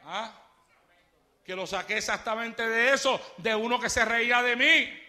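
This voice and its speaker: A man preaching a fiery sermon in a church, moving between hushed storytelling and shouted exclamations. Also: very high-pitched, unhurried.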